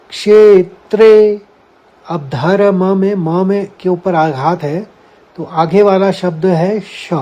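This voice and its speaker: A man leads a scripture lesson at a very unhurried pace, sounding out each Sanskrit syllable with care. His voice is warm and mellow and sits a little high for a man. He talks to his listeners as friends and walks them through each verse step by step. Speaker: Gita teacher. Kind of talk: slow explanatory lesson.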